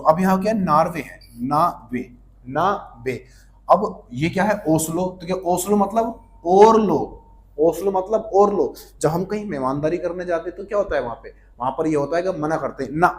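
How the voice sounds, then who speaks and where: A man's voice: on the high side, a little mellow. A man teaching an online exam-prep lesson in a playful way, asking questions and answering them himself. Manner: playful, asks and answers his own questions. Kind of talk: online lesson with memory tricks.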